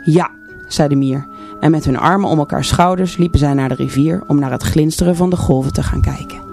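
A woman reading a children's story aloud as a guest in a radio studio, with gentle, expressive storytelling. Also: sits low, fairly quick, vocal fry, faint music behind.

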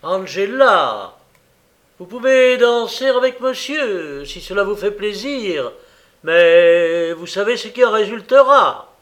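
A woman voicing a mysterious disembodied voice with a silvery ring, slow and commanding, sounding set back from the mic. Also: medium pitch, lively intonation. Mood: warning. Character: eerie disembodied silver-toned voice.

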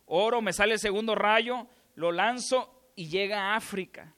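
A man with a Mexican accent preaching a sermon, telling his testimony with passion that swings from hushed to shouting. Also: high voice, moderate pace.

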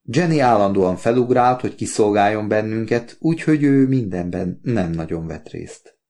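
Low gravelly male audiobook narrator. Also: expressive, warm tone. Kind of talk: first-person audiobook narration.

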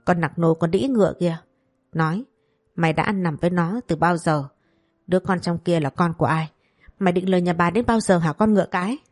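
An enraged matriarch spits insults at a servant girl in rapid bursts, as a woman storyteller puts her on. The voice sits low and keeps pushing hard, all outrage and no pause. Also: a little mellow, lightly acted. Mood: furious. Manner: cursing, shrill scolding. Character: furious elder lady of a rich house.

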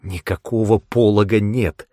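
A man's voice: on the low side, steady tone, measured pace, mellow, no echo, clean studio sound, natural voice. A man reading aloud, voicing a young male apprentice magician who speaks in an anxious, exclaiming way. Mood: tense.

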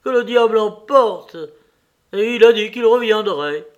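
A man's voice: sits high, lively intonation, unhurried, muffled recording, pitched above the performer's own voice. A man playing a groggy, grumpy young officer. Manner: whiny, irritable, sleepy.

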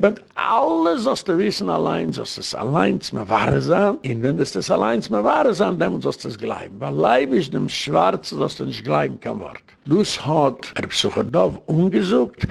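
A man's voice: mid-range voice, gravelly, a little mellow, husky. An older man with a Yiddish accent, a rabbi telling long rambling stories in a lecture and slipping English phrases in. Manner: rambling anecdotal storytelling with English phrases mixed in. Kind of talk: storytelling lecture.

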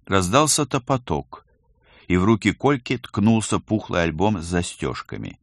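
A man narrating an audiobook in an expressive storytelling manner. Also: low voice, moderate pace, no room sound, studio quality. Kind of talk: scripted narration.

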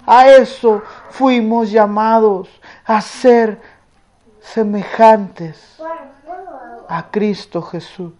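A woman preacher addressing her congregation in an earnest sermon and telling a moving story, often dropping to a hush. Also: medium pitch, fairly even intonation. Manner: slow, earnest, drops to a hush.

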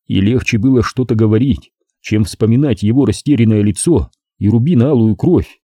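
A man narrating a first-person novel as an audiobook in a measured storytelling manner. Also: fairly low pitch, warm tone, dry recording, studio quality.

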